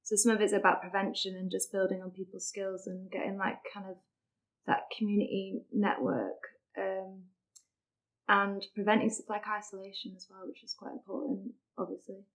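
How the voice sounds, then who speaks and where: On a low-quality recording, a young woman from Sheffield talks at normal speed in a flat, medium-pitched voice with a Sheffield English accent. She's a charity deputy director appearing as a podcast guest, chatting casually and filling her speech with "like" and other fillers.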